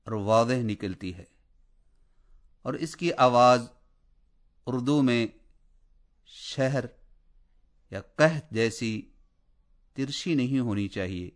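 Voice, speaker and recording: A male teacher gives a scripted lesson on Quran reading in a steady, mid-pitched voice. He speaks carefully and deliberately. For practice he sounds out syllables one by one, slowly and more loudly.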